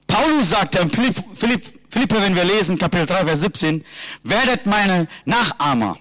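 A man preaching a sermon in simple, halting sentences, earnestly asking his listeners question after question. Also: high voice, animated, a bit bright, no room sound. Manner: earnest, asks repeated rhetorical questions. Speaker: lay preacher.

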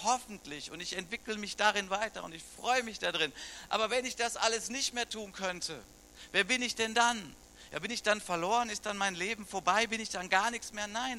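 Middle-aged German pastor, man, chatty sermon full of questions; bright, slightly high voice. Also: slight background noise. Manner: conversational, asks the congregation questions.

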